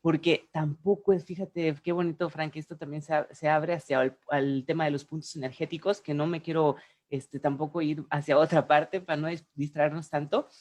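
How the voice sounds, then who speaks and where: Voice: medium pitch, steady tone, normal speed, darkish tone. A co-host of a webinar on the speaking voice, talking reflectively, searching for words and correcting itself along the way, over a video call.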